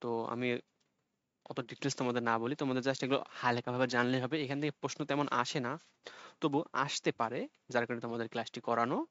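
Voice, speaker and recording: A man teaching an online exam-prep lesson, explaining patiently and repeating sounds slowly for students to copy. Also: mid-range voice, little pitch movement, fairly bright tone, smooth, no room sound, lo-fi sound.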